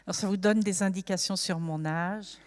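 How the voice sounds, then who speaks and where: A woman's voice: medium pitch, fairly even intonation, normal speed, darkish tone. Older woman, from France, earnest church testimony, reflective, long hall reverb. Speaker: guest giving testimony. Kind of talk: personal testimony at a church service.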